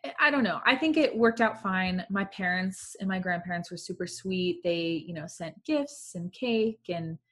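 A woman's voice: lowish voice, normal speed, a bit bright. A woman in her twenties chatting casually and reflectively as a guest, with many fillers. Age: 20s. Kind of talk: casual chat.

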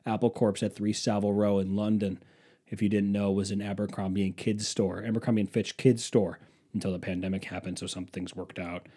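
Speaking briskly in a warm, lowish voice with little pitch movement, a vlogger in his twenties films himself indoors at a museum exhibit. His long story wanders, swears freely and pokes fun at himself.

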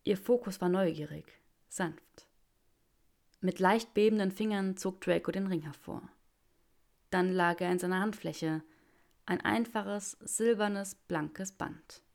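A woman reading a translated fan story aloud in a calm, measured storytelling manner. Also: lowish voice, gravelly. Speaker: narrator.

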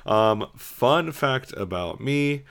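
A man's voice: mid-range voice, expressive, takes it slowly, creaky, fairly bright tone, clear, resonant tone. A man hosting a podcast, chatting in a loose, rambling way with casual swearing. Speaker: podcast host.

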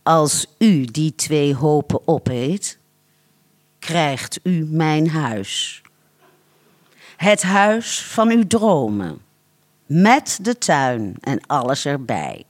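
A storyteller voicing a wealthy, self-satisfied older woman who talks in a languid, drawn-out way in a storybook reading. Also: mid-range voice, very animated. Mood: scheming.

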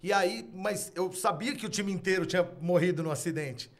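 A man with a Brazilian accent who hosts a podcast and tells stories in a relaxed, conversational way. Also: high voice, moderate pace. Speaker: podcast host.

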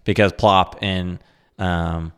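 A man chatting casually about a sitcom in a relaxed, agreeable way. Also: deep voice, slow, clear, resonant tone. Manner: relaxed, agreeable, says yeah a lot.

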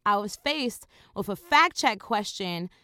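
A woman's voice: medium pitch, animated, a little slow, pushed and bright, dry recording, studio quality. A woman in her thirties hosting a solo podcast, talking casually with slang, laughter and swearing. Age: 30s. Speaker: podcast host.

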